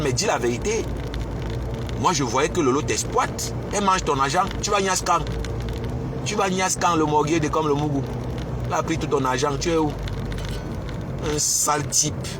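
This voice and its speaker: Man in a scornful rant. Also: mid-range voice. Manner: scornful, insulting, repetitive taunting questions. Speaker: live streamer. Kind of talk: angry rant on a live stream. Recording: outdoor street noise with traffic.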